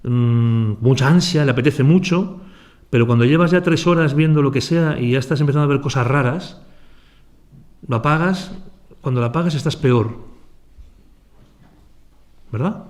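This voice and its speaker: A man's voice: medium pitch, moderate pace, long pauses, darkish tone. Man giving a conversational talk. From Aragon, Spain. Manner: conversational, addresses listeners directly, rhetorical questions. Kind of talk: motivational talk to students.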